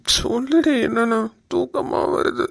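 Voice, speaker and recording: A woman's voice: a little high, unhurried, gravelly, no echo, clean studio sound. A woman voicing a sleepy, easily scared young husband in a cartoon, whiny and stammering when frightened. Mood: drowsy. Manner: whiny, teasing banter. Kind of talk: cartoon voice acting.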